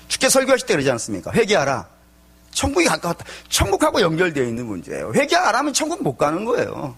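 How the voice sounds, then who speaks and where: A male pastor delivers a midweek sermon in an animated storytelling manner, firing off rhetorical questions. His voice sits high and husky, and his pitch rises and falls a lot.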